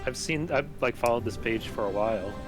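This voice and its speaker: A man's voice: medium pitch, brisk. A man chatting casually as a co-host reacting to game trailers. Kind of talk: casual chat. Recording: loud music behind the voice.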